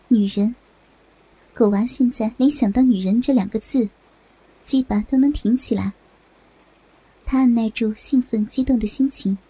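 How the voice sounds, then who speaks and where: A woman reads a story in a steady, even voice. Her tone is very dark and mellow, slightly higher in pitch, with a husky, breathy grain. Faint music plays in the background. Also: rough recording. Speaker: narrator. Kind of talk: scripted story narration.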